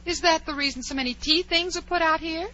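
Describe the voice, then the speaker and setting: A woman's voice: very high-pitched, brisk, bright, forceful tone. An actress playing a curious, prim, outspoken little girl in a 1940s radio drama. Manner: proper, precise, indignant. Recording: dull, noisy old radio recording, hum.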